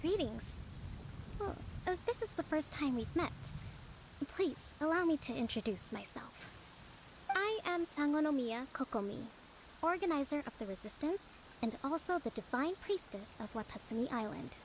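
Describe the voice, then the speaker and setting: A woman's voice: high voice, expressive, normal speed, slight background noise, poor audio. A woman voicing a composed young priestess who leads a resistance in a video game, speaking politely and formally. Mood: courteous, composed.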